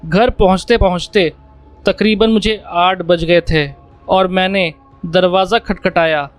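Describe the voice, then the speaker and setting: A man's voice: high voice, steady tone, measured pace, smooth. A man narrating a first-person horror story in a plain storytelling manner, speaking the dialogue in his own voice. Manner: plain storytelling, voicing dialogue without changing voice. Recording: dry close mic with faint music behind. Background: faint background music.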